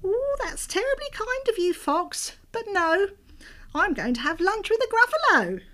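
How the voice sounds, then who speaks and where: A woman's voice: extremely high pitch, big pitch swings, measured pace, pitched above the performer's own voice, heavily acted. A woman voicing a small, clever, polite male mouse hero in a children's storybook. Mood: cheerful, sly. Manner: plucky, bright, polite.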